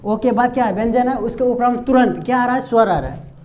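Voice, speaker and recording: A man from India teaching English pronunciation, slowly explaining each rule and answering his own questions. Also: extremely high pitch, a little mellow, slight background noise. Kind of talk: slow explanatory lesson with repeated questions.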